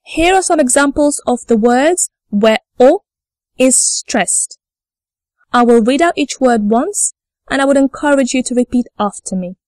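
A woman who teaches Russian as her first language, explaining reading rules patiently and pronouncing each sound clearly for learners to repeat. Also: high voice, lively intonation, a little slow, a little mellow, dry recording, clean studio sound. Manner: patient, enunciates carefully, models sounds for repetition. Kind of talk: slow, clear teaching narration.

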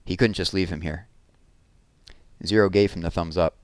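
Low, smooth-voiced male book reader. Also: steady tone, normal speed, no echo. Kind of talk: book read-aloud narration.

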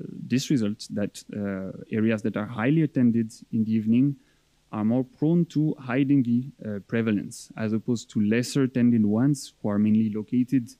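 A young man giving a conference presentation as an academic researcher, explaining in a measured, hesitant way. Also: fairly low pitch, mellow, no room sound.

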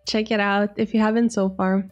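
A woman's voice: medium pitch, little pitch movement, brisk, faint music behind. A woman hosting a podcast, chatting casually in an upbeat way, asking her co-host questions and laughing often.

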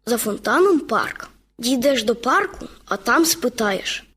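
A woman's voice: on the high side, expressive, a little slow, a bit bright, breathy edge, full character voice. A woman voicing a purring, cat-like stranger who gives directions in a children's radio story. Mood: helpful. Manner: purring, drawn out.

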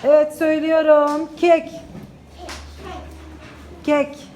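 A woman's voice: sits high, flat delivery, takes it slowly, a little mellow, slight background noise. A woman primary school teacher dictating words and short phrases to young pupils, repeating them and giving instructions and encouragement. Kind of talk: classroom dictation drill. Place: indoor classroom.

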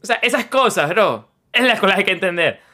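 A man's voice: high voice, lively intonation, fairly quick, bright, forceful tone. A young man streaming, chatting casually in a rambling way, playfully boastful and mock self-pitying.

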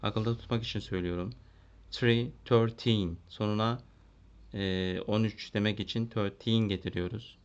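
A man's voice: lowish voice, steady tone, a little fast, clear, resonant tone. A man from Turkey working as a primary school English teacher, walking through a lesson, translating and thinking aloud with fillers. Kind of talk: classroom lesson walkthrough. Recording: dull lo-fi recording.

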